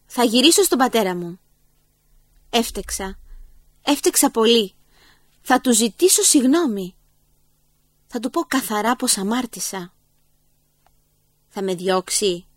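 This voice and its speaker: A broken young son who has hit bottom pleads and blames himself through tears, as a woman storyteller puts him on. The voice sits fairly high and sounds close and dry, with no room around it. He talks himself into going home in a storybook telling for children. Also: no echo. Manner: tearful, pleading self-reproach. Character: remorseful starving young prodigal son.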